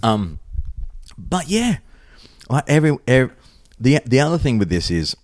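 A man's voice: medium pitch, sing-song, unhurried, darkish tone, no echo, studio quality. An Australian man co-hosting a podcast, talking casually and bluntly and telling stories in a conversational way. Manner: blunt, sweary. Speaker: podcast co-host.

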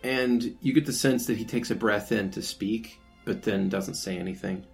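A man's voice: on the low side, moderate pace, gravelly. A man narrating a tabletop role-playing game as game master. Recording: music playing behind the voice.

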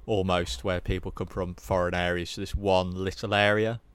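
A man's voice: sits low, level tone, moderate pace, clear, resonant tone. A young man, by the sound of his talk, reviewing a horror sequel in a casual chat, candid and rambling, swearing now and then. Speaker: podcast co-host.

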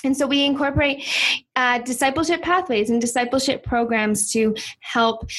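A woman's voice: sits high, fairly even intonation, normal speed, fairly bright tone. A woman co-hosting a ministry podcast from an office, explaining her ideas earnestly. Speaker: podcast co-host. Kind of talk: podcast conversation. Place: office in Toronto.

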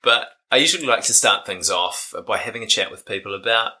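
Deep-ish bright new guy hosting a podcast, easygoing, lots of ums. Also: a little fast, husky. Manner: relaxed, chatty, frequent fillers. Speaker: podcast host. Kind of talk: casual podcast chat.

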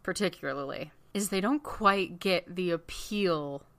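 A woman co-hosting a casual film-discussion podcast, thoughtful and analytical, quick to laugh. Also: fairly low pitch, a bit bright. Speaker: podcast co-host.

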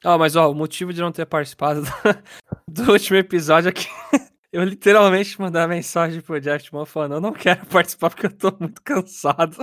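A man's voice: on the high side, fast talker, fairly bright tone, no echo, studio quality. A man with a Brazilian accent chatting casually as a podcast co-host, in an informal, slangy way. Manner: informal, slangy, chuckles while talking. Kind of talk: casual chat.

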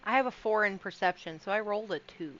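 A woman's voice: mid-range voice, fast talker, fairly bright tone. A woman playing a tabletop game, speaking in a thoughtful, slightly hesitant way. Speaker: player. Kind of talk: casual tabletop play. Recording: dull lo-fi recording with faint noise.

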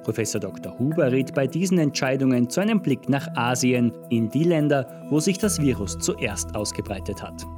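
A man presents a news podcast in scripted narration. His pitch is mid-range, and music plays clearly behind him. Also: lively intonation, moderate pace, few pauses. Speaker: podcast host. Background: music bed.

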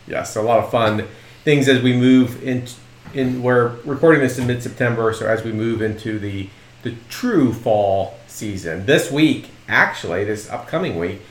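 A man's voice: medium pitch, normal speed. Easygoing man hosting a podcast, echoey. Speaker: podcast host. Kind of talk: casual chat. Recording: roomy echo.

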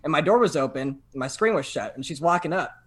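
A man's voice: fairly high pitch, fast talker. Young man telling a rambling story. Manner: animated, lots of fillers and restarts. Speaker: podcast guest telling a story. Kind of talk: casual chat, storytelling.

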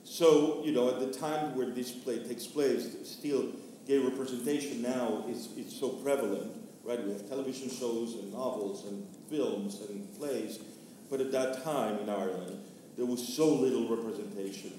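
Picked up by a distant mic in a highly reverberant room with slight background noise, this mellow Venezuelan man talks at a moderate pace in a mid-range voice. He's a panelist and theatre artist offering thoughtful discussion of a play.

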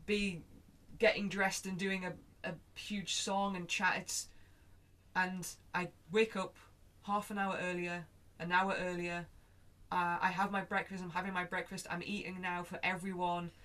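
Earnest woman, lowish voice. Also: fairly bright tone. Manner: earnest, thinks aloud with many restarts; acts out her own thoughts in quoted asides. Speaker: guest speaker. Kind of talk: reflective conversational talk.

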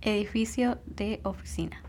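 Woman reading out quick one-word translations, faint noise behind. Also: medium pitch, a little mellow. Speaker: voice giving translations.

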